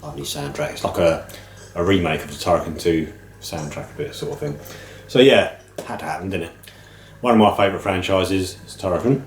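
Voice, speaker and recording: Hosting his video game pick-ups channel, this British man talks to camera in a casual way despite a head cold, a case of man flu that leaves his low, gravelly voice slightly nasal and bunged up. He's animated and speaks a little fast. There's roomy echo, music beneath him, and slight background noise.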